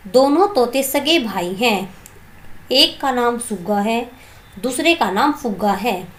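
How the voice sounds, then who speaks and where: A woman reading a calm, wise old male sage from a storybook, in a slow, gentle manner. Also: a little high.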